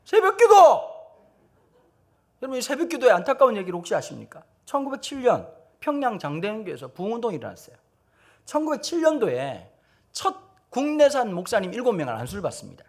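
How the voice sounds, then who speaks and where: A man's voice: sits high, huge pitch swings, fast. A middle-aged man with a Gyeongsang Korean accent, preaching at a teachers' seminar with blunt humor and acted-out quotes. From Gyeongsang region, South Korea. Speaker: pastor.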